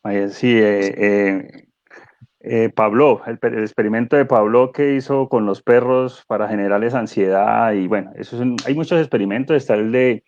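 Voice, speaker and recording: Animated man explaining on a dull call. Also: lowish voice, normal speed, no echo. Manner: animated, explanatory, with rhetorical questions. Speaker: guest speaker, neuro-coach. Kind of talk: conversational webinar talk.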